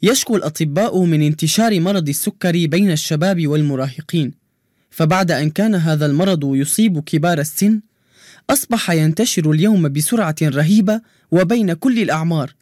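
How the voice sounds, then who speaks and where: Guy doing a chirpy young joker on a kids' radio show, high voice, dry sound. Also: fairly quick, darkish tone, dry recording, lightly acted. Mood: informative. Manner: cheerful, playful storyteller. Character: cheerful joke-telling young male quiz contestant. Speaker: radio show character who answers quizzes and tells jokes. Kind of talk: children's radio drama.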